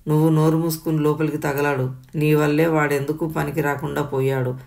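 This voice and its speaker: Woman doing angry abusive father, yells and sneers, gravelly and flat. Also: low voice, a little fast. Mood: raging. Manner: yelling, sneering and scolding. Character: furious abusive middle-aged father, shouting insults.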